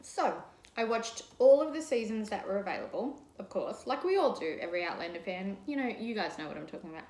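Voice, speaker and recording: A mukbang vlogger in her thirties chats gushingly to camera while eating in her living room, chewing as she talks. Her medium-pitched, slightly mellow voice is very animated and a little fast. The camera sits across a coffee table, and the room gives a roomy echo.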